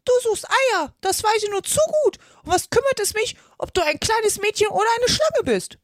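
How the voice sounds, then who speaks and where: A woman voicing an outraged female pigeon guarding her eggs in a storybook reading, shrill and scolding. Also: expressive, normal speed, no echo, studio quality. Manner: shrill, scolding, near-sobbing outbursts. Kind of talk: audiobook character reading.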